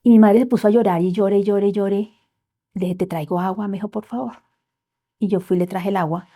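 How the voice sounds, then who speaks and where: Woman, podcast guest, heartfelt storytelling, warm dark tone. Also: medium pitch, fairly even intonation, brisk. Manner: heartfelt, drifting into soft near-whispers. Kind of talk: personal storytelling in a podcast interview.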